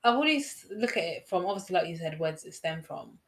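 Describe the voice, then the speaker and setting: A woman in casual chat with her sister, relaxed and agreeable, thinking aloud with fillers. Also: on the low side, fast. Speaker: co-host, sister.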